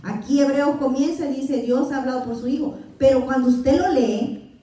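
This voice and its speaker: Woman, Salvadoran accent, high mellow voice, Bible class teacher, asks questions, echoey distant recording. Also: moderate pace. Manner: questions the class, answers with amen. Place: church hall. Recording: echoey church hall from far off.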